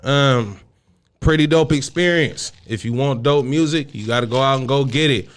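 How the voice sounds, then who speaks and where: Blunt, profane male podcast host, mid-pitched, speaking in a studio. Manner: profane, blunt, reads sponsor list quickly. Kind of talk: casual podcast chat.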